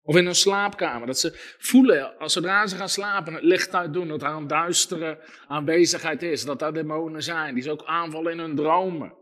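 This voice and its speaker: Bright, emphatic high-voiced male preacher. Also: normal speed. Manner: emphatic, storytelling with lists and quoted dialogue. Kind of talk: sermon.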